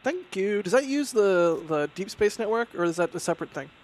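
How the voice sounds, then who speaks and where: A man's voice: high voice, animated, fairly quick. A man hosting casual live launch commentary, chatty and often interrupting himself. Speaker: livestream host.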